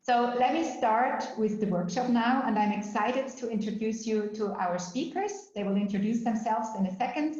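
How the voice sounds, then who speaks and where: A woman's voice: fairly high pitch, normal speed, few pauses, a little mellow. A woman hosting an online workshop, explaining the steps in an orderly way with frequent um fillers. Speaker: workshop moderator. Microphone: video call. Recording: roomy, slightly dull video call audio.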